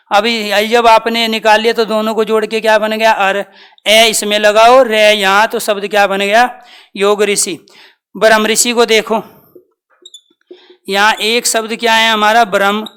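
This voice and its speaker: Bright, crisp-voiced woman teacher. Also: mid-range voice. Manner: quizzes students with questions and answers them herself; patient, repeats terms slowly. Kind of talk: classroom grammar lesson.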